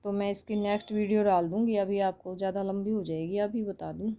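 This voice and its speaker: A woman's voice: medium pitch, fairly even intonation, brisk, mellow, dull audio. A woman with an Indian accent teaching English phonics online, explaining patiently and repeating each sound.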